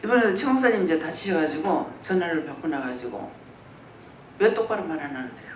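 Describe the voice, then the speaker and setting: Preacher telling stories in a sermon, pitch all over the place, roomy church sound, faint rumble behind. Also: fast talker, distant mic. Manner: lively storytelling, acts out quoted speech. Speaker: pastor. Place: church sanctuary.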